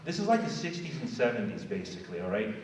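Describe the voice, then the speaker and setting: A man's voice: medium pitch, very animated, fast, very noisy. Impassioned man in an echoing hall. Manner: fervent, rhetorical, conversational. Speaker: keynote speaker. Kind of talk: impassioned conference talk. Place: large conference hall. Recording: echoey hall, far from mic, dull.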